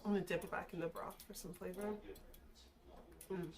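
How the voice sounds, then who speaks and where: A tipsy woman of Caribbean background hosts a mukbang and drunk-cooking video, chatting casually to camera as she eats and cooks after some shots. Her voice is fairly low, steady, and brisk, and her talk is slangy with swearing. Crowd noise is audible.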